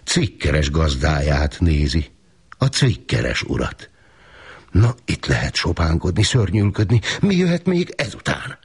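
A man's voice: very deep voice, big pitch swings, husky. A male storyteller reading a children's bedtime story with a playful, rhythmic delivery. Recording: music playing underneath.

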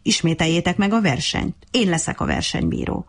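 A woman's voice: lowish voice, huge pitch swings, full character voice. A woman voicing a strict, fair-minded hare who acts as referee, speaking in a stern, official way.

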